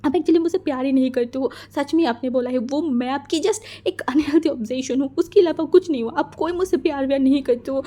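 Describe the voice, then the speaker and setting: A woman's voice: high-pitched, fairly quick, few pauses, dark tone, natural voice. A woman voicing a hurt young man who scolds his husband through tears, stammering and accusing. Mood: tearful, accusing. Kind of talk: fan fiction story reading.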